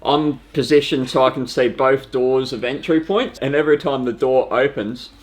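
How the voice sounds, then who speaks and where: A man in an easygoing conversation with his co-host. He speaks at a middle pitch and talks in a relaxed, self-mocking way. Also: moderate pace. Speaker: podcast co-host. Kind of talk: casual chat.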